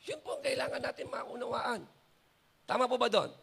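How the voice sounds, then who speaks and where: A Filipino man preaches with a very high, sharp and edgy voice. His tone is gravelly and husky. He keeps putting questions to his listeners and climbs to shouted peaks. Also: moderate pace. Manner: switches between Tagalog and English, asks the congregation questions; builds to shouted climaxes. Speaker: pastor. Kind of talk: sermon.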